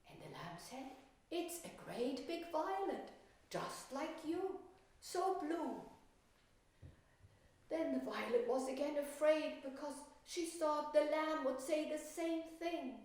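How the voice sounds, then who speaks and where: An art teacher and storyteller in her sixties gives a children's storytelling and painting lesson, explaining things simply as if to young kids. Her high voice has lively intonation, a slow pace and a slightly mellow tone. The wooden-floored classroom echoes heavily, and the mic is distant.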